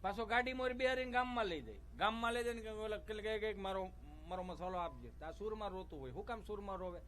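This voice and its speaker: A man's voice: high-pitched, quick pace, fairly bright tone, faint music behind. A middle-aged male stand-up comedian, telling folksy, teasing jokes to a live audience with preachy asides. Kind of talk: Gujarati stage comedy monologue. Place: stage before a live audience.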